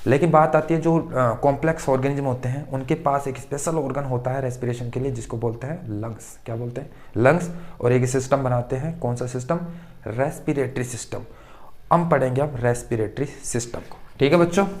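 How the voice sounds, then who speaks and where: A man teaching a school science class. He asks his pupils a question, answers it himself, then repeats the term again. His pitch sits in the middle of the usual male range. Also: fairly quick, darkish tone. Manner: addresses students fondly as children. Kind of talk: classroom-style science lesson.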